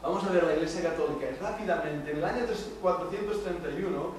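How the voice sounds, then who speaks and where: Spanish guy, middle-aged, high voice, preaching a bible study to youth, asks the room questions, far off mic. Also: quick pace. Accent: Spain Spanish. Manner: emphatic, asks the audience rhetorical questions. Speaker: church youth teacher. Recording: echoey room, distant mic, faint noise.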